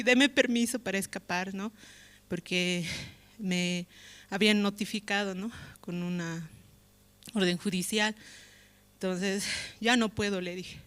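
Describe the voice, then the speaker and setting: Bolivian woman, mid-pitched, emotional hesitant testimony, lots of "¿no?" tags. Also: a bit bright, clean tone. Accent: Bolivian Spanish. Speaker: church member giving testimony. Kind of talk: spoken testimony.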